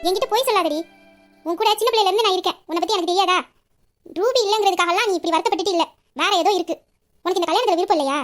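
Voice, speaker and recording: A woman's voice: extremely high pitch, rapid-fire, fairly bright tone, soft background music. A woman voicing a young woman who keeps pressing her best friend with insistent questions. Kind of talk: audio story reading.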